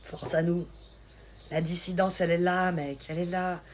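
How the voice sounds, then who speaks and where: A Swiss woman with a light Swiss French accent hosts a live stream, reading comments and chatting casually with viewers in a teasing, quick-witted way. Her voice is lowish and steady in tone, with a little hiss or hum in the audio.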